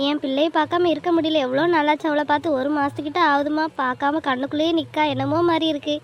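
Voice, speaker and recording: A woman voicing a gentle young village mother. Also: sits high, steady tone, quick pace, dull audio. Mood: soothing. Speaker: daughter in an animated family drama. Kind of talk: cartoon voice acting. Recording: faint ambient noise.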